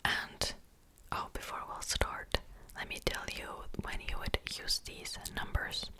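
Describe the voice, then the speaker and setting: A young Czech woman whispers softly in a Czech accent, teaching Korean in an ASMR lesson. She drills the words slowly and repetitively.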